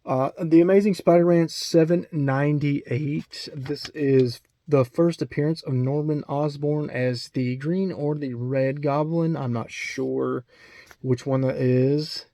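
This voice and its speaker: A man's voice: on the high side, fairly even intonation, slow pace, warm tone. A man with an Alabama accent talks casually about his comic book collection, rambling with lots of ums and restarts. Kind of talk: casual video chat.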